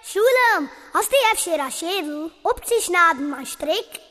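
Woman as eager fussing camp girl, very high voice, bright tone, long reverb. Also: lively intonation, normal speed.

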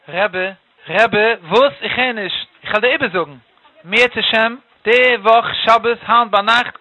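A man telling a traditional religious tale, acting out the characters' lines in a lively way. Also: high voice, no echo, rough recording. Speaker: storyteller.

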